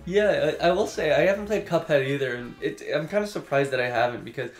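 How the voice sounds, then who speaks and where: A man's voice: on the high side, fast, reverberant, faint music behind. A man co-hosting a podcast, chatting casually about video games and laughing often. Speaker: podcast co-host.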